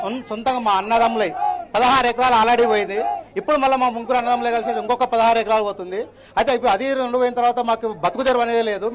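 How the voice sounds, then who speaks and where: A man farmer, interviewed outdoors at a protest, speaking urgently about losing his land. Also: extremely high pitch. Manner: urgent, complaining. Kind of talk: on-the-spot interview.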